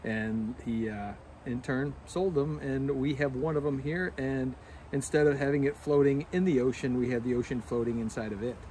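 A man's voice: medium pitch, steady tone, moderate pace, warm tone. A man co-hosting a podcast, chatting casually and explaining things in a storytelling way, recorded outdoors in a backyard. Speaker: podcast co-host. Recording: outdoor recording with clear background noise.

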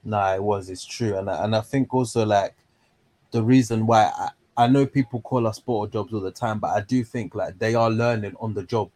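A man's voice: lowish voice, fairly even intonation, normal speed, a little mellow. A man with a London accent hosting a casual discussion in a slangy, conversational way. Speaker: discussion host. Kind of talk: casual chat.

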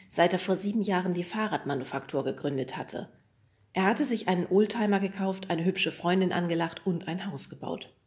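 A woman with a fairly low voice narrates a children's audiobook. Her reading is calm, clear and measured, in a steady storytelling manner. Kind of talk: scripted narration.

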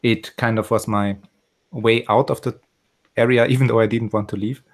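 A man's voice: mid-range voice, fairly even intonation, moderate pace. A man, a podcast guest talking casually with many fillers and dry humor over a video call. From Austria.

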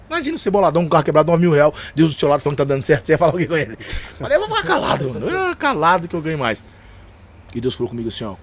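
A man with a São Paulo accent, a gospel rapper and preacher telling stories as a podcast guest, slangy and animated, acting out the dialogue. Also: mid-range voice, a little hiss or hum. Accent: São Paulo Portuguese. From São Paulo, Brazil. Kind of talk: casual storytelling chat.

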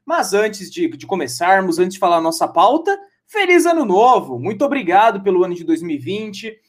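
Chatty Brazilian sports podcast host, jokey. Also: male voice, sits high. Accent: Brazilian Portuguese. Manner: chatty, jokey, restarts and digressions. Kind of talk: casual sports podcast chat.

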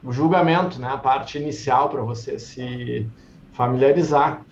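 A man hosts an online book club in a relaxed, chatty way, laughing easily and reading passages slowly. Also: medium pitch, a crowd in the background. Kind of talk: casual live-stream chat. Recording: roomy, muffled lo-fi sound.

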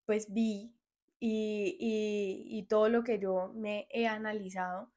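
Young woman in her twenties, podcast host, earnest and frank, advice-giving, medium pitch. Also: little pitch movement, takes it slowly, darkish tone. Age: 20s. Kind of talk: solo podcast monologue.

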